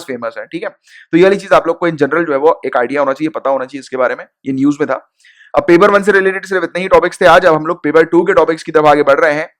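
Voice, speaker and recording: A young man teaching a casual exam-prep lesson, mixing English terms into his talk and often checking in with his students. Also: fairly high pitch. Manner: chatty, repeats key points, checks in with "right?" and "okay?"; mixes English terms into Hindi.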